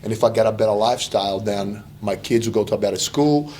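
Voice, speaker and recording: A man giving a motivational seminar talk in an animated, rhetorical way, repeating phrases for emphasis and acting out imagined quotes. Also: lowish voice, fast. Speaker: speaker giving a wealth seminar. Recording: echoey room, distant mic, faint noise.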